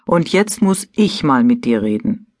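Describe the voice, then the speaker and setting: A woman's voice: rumbling low, big pitch swings, unhurried, a little mellow, no echo, heavily acted. A woman voicing a middle-aged husband with a dry, matter-of-fact manner, reading an audiobook.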